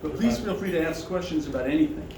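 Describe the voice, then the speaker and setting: A financial seminar presenter with a big, carrying voice addresses a seated audience in a friendly, easygoing manner, repeatedly inviting questions, and he talks fast in a slightly high voice. The mic picks him up from well back in a roomy, echoing dining room, with steady background noise beneath his speech.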